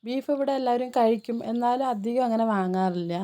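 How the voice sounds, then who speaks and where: A woman with a Palakkad Malayalam accent, chatting casually in a home vlog voice-over, speaking softly and slowly because of a sore throat and tagging her sentences with little friendly words. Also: fairly high pitch, a little hiss or hum. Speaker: cooking and home vlogger.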